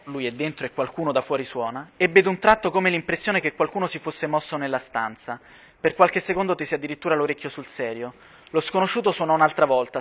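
A man at a workshop reading a novel aloud and commenting on it, slowing down for tense passages. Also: a little high, a bit bright.

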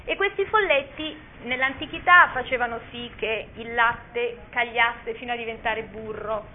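A woman giving an informal talk about a children's story, speaking hesitantly with many pauses and restarts. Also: fairly high pitch. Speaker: speaker presenting a children's book. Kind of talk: informal talk with read-aloud passages. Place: talk at a cultural gathering. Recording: tinny phone-like lo-fi audio, faint hiss.

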